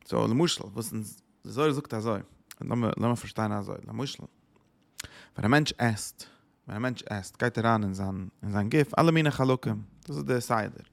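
A man's voice: mid-range voice, brisk, vocal fry. A man teaching a religious lesson, searching for words, often repeating them and dropping in English phrases. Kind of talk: Torah lecture in Yiddish-inflected German.

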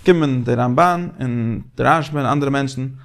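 A man leading a casual Talmudic study discussion, animated and repeating phrases as he thinks aloud. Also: medium pitch, normal speed.

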